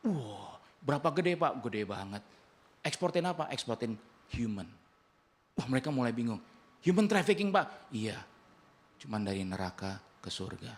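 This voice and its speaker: A man's voice: lowish voice, moderate pace, pauses often. A male pastor with an Indonesian accent, preaching a sermon in a conversational, humorous way and acting out the dialogue he quotes.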